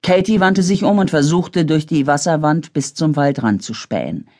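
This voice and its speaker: Expressive woman narrating an audiobook. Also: low-pitched, moderate pace. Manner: dramatic, expressive reading.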